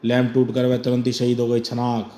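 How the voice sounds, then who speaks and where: A man's voice: mid-range voice, completely flat delivery, a little fast, warm tone. A man narrating a horror comic with dramatic emphasis.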